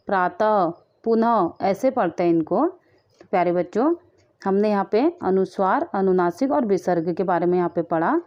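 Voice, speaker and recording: A woman teaching a children's lesson with a patient, steady manner. She repeats each example word slowly and answers the questions she asks herself. The recording sounds a little muffled and lo-fi. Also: medium pitch. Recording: muffled lo-fi audio.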